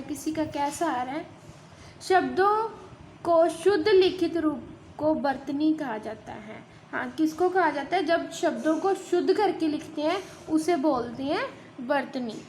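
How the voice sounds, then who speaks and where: Woman teacher with a Hindi accent and a high voice, patient step-by-step explainer, faint noise behind. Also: darkish tone. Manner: explains step by step, asks and answers her own questions. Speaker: school teacher. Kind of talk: online class lesson.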